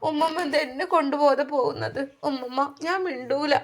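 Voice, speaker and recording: A woman's voice: sits high, steady tone, brisk, a little hiss or hum, pitched above the performer's own voice. A woman voicing a small grieving girl who sobs and begs. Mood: tearful pleading. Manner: sobbing, begging.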